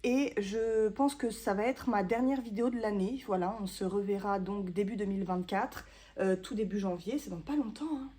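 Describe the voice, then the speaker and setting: French woman in her thirties, chatty self-mocking vlogger, soft mellow tone, casual talk to camera. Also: medium pitch, moderate pace. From France. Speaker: booktuber. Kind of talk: casual vlog chat to camera.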